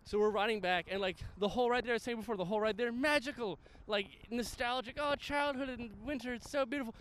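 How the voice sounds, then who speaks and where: A man in his thirties with a high-pitched voice, walking outdoors and chatting. He tells stories loosely, swears freely and laughs often. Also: fast talker, a bit bright, smooth. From the Bronx, New York. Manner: profane storyteller, laughs often. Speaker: guest. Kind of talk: casual chat while walking. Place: outdoors in a cemetery.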